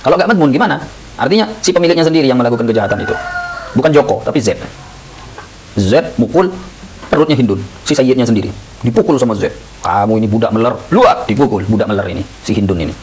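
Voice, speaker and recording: A man teaching a lively lesson on Islamic law, who acts out little scenes in raised voices. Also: medium pitch, quick pace, slight background noise, low-quality recording. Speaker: Islamic boarding school teacher.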